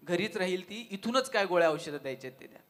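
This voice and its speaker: A man's voice: high-pitched, lively intonation, fast, a bit bright. A man doing a stubborn, indignant husband. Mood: insistent. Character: stubborn, obtuse middle-aged husband.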